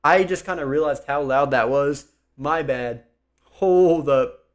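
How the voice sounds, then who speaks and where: A young man chatting on a live stream from his computer desk, rambling and thinking aloud, speaking louder than his usual soft voice to project. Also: a little high, slow. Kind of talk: casual live-stream chat.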